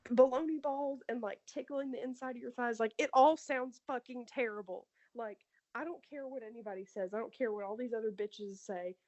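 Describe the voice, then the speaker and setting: Crude, animated woman with a mellow voice. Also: fairly high pitch, brisk, hardly any pauses, dull audio. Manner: crude, animated storytelling with many likes. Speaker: podcast co-host. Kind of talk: casual chat.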